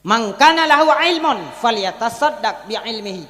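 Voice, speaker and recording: Male Acehnese preacher, very high voice, loud-soft sermon rhythm, recorded with long hall reverb. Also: animated, normal speed. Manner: rises loud on one phrase, drops low on the next. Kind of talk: Islamic sermon at a religious gathering. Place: large hall at a religious gathering.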